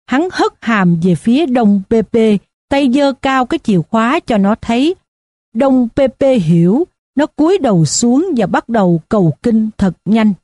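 A woman reading a novel aloud in the first person, in a steady, measured storytelling manner. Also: on the high side, no echo. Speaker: audiobook narrator.

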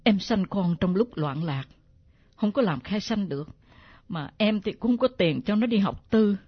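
A woman's voice: medium pitch, animated, unhurried, slightly rough, no room sound, muffled recording. A woman voicing a middle-aged mother who pleads earnestly, in a radio drama. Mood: sorrowful.

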